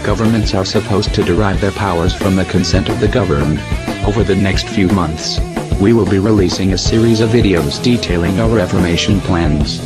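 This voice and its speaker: A man reading a solemn, measured statement as a group's spokesman, his voice disguised to sound deep. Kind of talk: scripted statement. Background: loud music.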